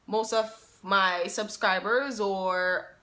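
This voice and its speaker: A woman's voice: medium pitch, steady tone, very slow, pushed and bright. A Jamaican woman vlogging in a chatty way, repeating herself and asking her viewers questions. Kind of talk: casual talk to camera.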